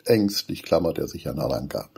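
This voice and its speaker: A man reading a children's story aloud as storyteller, in an expressive, animated way. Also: a bass voice, brisk, husky.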